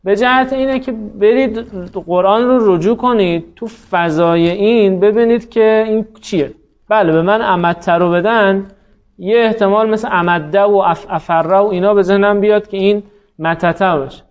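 A man's voice: high-pitched, lo-fi sound. A man teaching Arabic grammar in a class, quizzing students by name and praising their answers patiently. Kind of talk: classroom lesson, drilling students.

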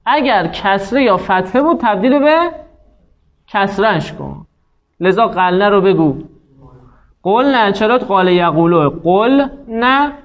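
A man teaching an Arabic grammar class, patiently explaining rules, quizzing students and slowing down to dictate word forms. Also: high-pitched. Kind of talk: classroom lesson. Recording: dull lo-fi sound.

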